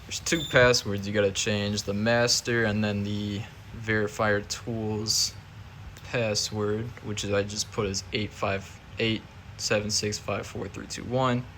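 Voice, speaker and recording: A man's voice: on the low side, flat delivery, a little slow, fairly bright tone, slight background noise. A man giving a casual hands-on demonstration, narrating each step informally as he goes. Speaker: fire alarm hobbyist demonstrator.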